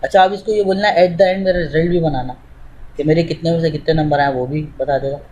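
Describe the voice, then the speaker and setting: A man's voice: a little high, steady tone, fairly quick, a little mellow, poor audio. A man teaching English, explaining step by step in an informal way to a student while demonstrating on screen.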